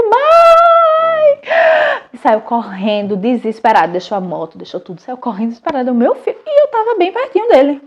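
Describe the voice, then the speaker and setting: A Brazilian woman in her thirties, a mother and channel host, telling a family story in a casual, animated, chatty way with many restarts. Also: high-pitched. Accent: Brazilian Portuguese.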